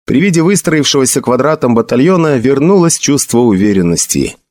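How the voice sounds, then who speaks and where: A man narrating an audiobook in an expressive storytelling manner. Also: mid-range voice, fairly quick, dry recording. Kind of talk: scripted narration.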